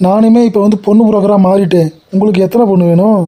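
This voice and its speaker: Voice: medium pitch, fairly even intonation, quick pace, dark tone, faint music behind, close to an everyday voice. Someone doing a grumbling cartoon broker man. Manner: grumbling, wisecracking. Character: hapless middle-aged male marriage broker. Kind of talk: cartoon comedy voice acting.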